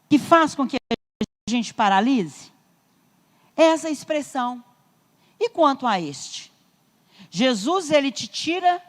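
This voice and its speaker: High-voiced Brazilian woman preaching in a hall. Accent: Brazilian Portuguese. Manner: emphatic preaching with repeated rising appeals. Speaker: pastor. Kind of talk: sermon. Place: church sanctuary.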